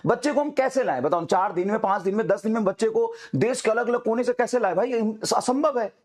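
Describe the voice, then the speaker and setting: Middle-aged male teacher with a high voice; intense, repetitive exhorting speech to students. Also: fairly quick, a little mellow. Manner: fiery, exhorting, repetitive urging. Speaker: coaching teacher.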